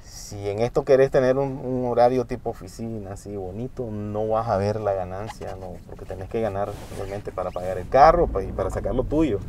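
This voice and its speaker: A man's voice: lowish voice, brisk, few pauses, darkish tone. Man, middle-aged, driver, frank plain talk, interviewed in his car, dashboard camera, traffic noise. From Nicaragua. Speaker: ride-hailing driver. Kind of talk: interview while driving. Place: inside a car.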